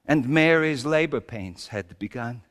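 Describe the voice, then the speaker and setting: Male performer as wry, exasperated old-world carpenter, comic stage monologue, unhurried and very animated, big reverberant hall. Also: medium pitch, lightly acted. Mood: wry storytelling. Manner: theatrical, swinging between hushed asides and shouted exclamations. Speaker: storyteller preaching in character. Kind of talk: comic dramatic monologue to a congregation.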